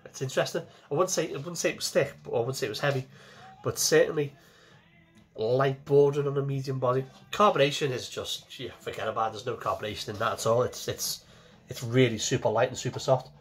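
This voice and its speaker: A man's voice: mid-range voice, fast talker, soft background music. A man in his forties, talking casually to camera from a small home kitchen as he reviews a beer, chatty and repeating himself as he goes.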